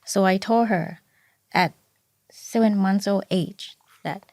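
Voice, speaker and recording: A Thai woman speaking English as a second language, with a Thai accent, chats candidly as an interview guest about raising her two kids, restarting sentences as she recalls things. Her mid-range, darkish voice is slow, with no room sound.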